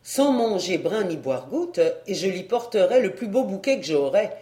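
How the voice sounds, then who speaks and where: A woman voicing a boisterous, tipsy peasant man in an audiobook, exclaiming loudly in rustic speech. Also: medium pitch, sing-song, normal speed, reverberant, natural voice. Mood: scheming. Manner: loud exclaiming rustic talk. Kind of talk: audiobook character reading.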